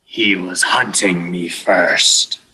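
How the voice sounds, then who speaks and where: Man playing a dragon, territorial, cold, slow, low, husky. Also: fairly even intonation, pushed and bright, full character voice, rough recording. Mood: blunt. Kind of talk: tabletop game narration.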